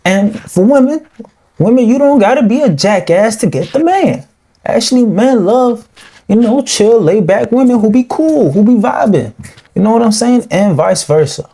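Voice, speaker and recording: A man's voice: high voice, animated, normal speed, dark tone. A man hosting a reaction video, talking in hyped, slangy, casual commentary straight to his viewers. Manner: hyped, slangy, talks to the viewers as "y'all boys".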